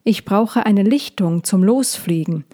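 A woman voicing a calm, caring young female dragon in a storybook reading, speaking gently. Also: medium pitch, a little slow, natural voice.

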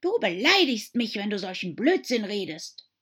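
A woman's voice: mid-range voice, very animated, slow pace, warm tone, breathy edge, pitched above the performer's own voice, heavily acted. A woman voicing a touchy, easily offended female mouse in a storybook, sighing and stern.

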